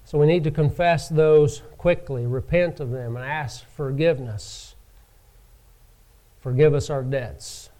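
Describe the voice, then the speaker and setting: A man preaching a sermon from the pulpit, slow and emphatic, rising in pitch and volume to stress his points. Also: warm tone. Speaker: pastor.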